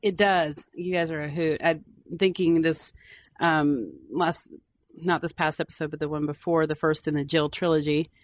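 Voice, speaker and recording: A woman's voice: deep voice, fairly even intonation, moderate pace. A woman interviewing an actor in a chatty, enthusiastic way. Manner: chatty, enthusiastic fan questions. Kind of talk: casual interview chat.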